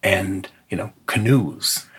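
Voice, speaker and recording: A low-pitched man with a strikingly raspy, husky voice co-hosts a casual podcast conversation. He thinks aloud, circling his points in long sentences with small restarts. He is from northern Michigan. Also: takes it slowly, fairly bright tone. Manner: thoughtful, argues in long hesitant sentences. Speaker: podcast co-host. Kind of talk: casual discussion.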